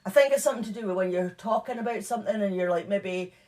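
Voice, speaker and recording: A woman's voice: mid-range voice, quick pace, a little mellow. Chatty woman retelling a case. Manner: chatty, filler-heavy retelling of case notes. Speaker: podcast co-host. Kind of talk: casual true crime podcast chat.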